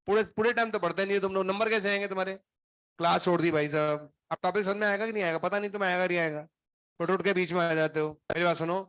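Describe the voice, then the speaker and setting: A feverish male coaching teacher, throat clearly unwell, scolds his students one by one with stern sarcasm. His voice is high-pitched and fairly bright, recorded without any room sound.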